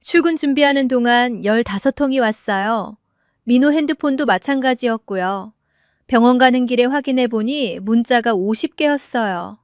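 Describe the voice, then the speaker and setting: High-voiced woman narrating a story. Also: normal speed, no echo, clean studio sound.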